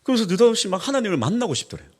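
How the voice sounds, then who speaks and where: Husky, animated Korean pastor preaching. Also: male voice, high voice, very fast. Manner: animated storytelling, acting out quoted voices, rhetorical questions to the congregation. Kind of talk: Sunday sermon.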